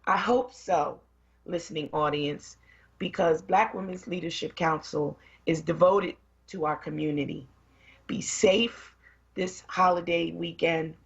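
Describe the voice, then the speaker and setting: Hoarse woman radio co-host, earnest. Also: lowish voice, fairly even intonation, unhurried, highs cut off. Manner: earnest, faith-tinged, emotional. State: hoarse, voice worn out. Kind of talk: closing remarks on a talk show.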